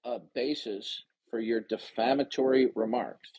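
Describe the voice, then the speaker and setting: A man's voice: mid-range voice, steady tone, unhurried, a little mellow, poor audio. A man hosting an online debate room, arguing in a confrontational, insistent way and repeating his demands. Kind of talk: argumentative live debate.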